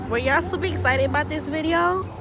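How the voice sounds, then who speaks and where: A woman's voice: sits high, a little fast, background noise. A woman in her thirties hosting a casual live stream from outdoors, chatty and greeting viewers by name, laughing often. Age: 30s. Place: outdoors watching a ship depart.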